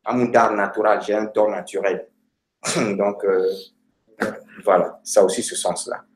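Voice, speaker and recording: Man, teacher, explaining grammar, slow, hesitant, middle pitch, echoey room. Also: fairly even intonation. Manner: slow, hesitant, many fillers. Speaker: Romanian language teacher.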